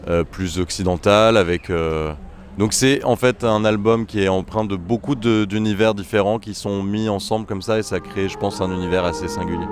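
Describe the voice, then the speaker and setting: A man's voice: lowish voice, fairly even intonation, moderate pace. A young man, a musician, talking casually in an interview with many hesitant fillers and restarts. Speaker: trombonist and bandleader. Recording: music faintly behind.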